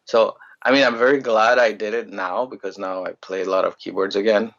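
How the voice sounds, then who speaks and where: A young man from Greece, a musician telling his story in a relaxed, rambling way in a casual interview. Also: fairly low pitch, a little fast, vocal fry, highs cut off. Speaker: musician guest.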